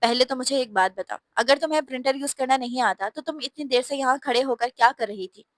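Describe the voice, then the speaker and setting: A woman's voice: high voice, fast, no echo, natural voice. A woman voicing a teasing young husband. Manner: playful, teasing.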